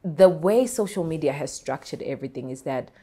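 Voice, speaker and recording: A woman in her thirties speaks as an interview guest in a small studio. Her voice sits low and mellow, and she talks in an articulate, animated way, laughing often. The sound is close and clean from a lapel mic. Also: brisk. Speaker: farmer and entrepreneur guest. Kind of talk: interview conversation. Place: small television studio set.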